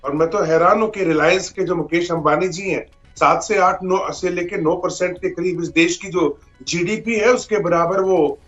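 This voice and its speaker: A fairly high-pitched man giving his view in a televised debate, emphatic and sometimes tripping over his words. His audio comes through a dull, lo-fi remote link with faint music. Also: steady tone, normal speed, fairly bright tone. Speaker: political analyst, debate guest. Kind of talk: TV panel debate.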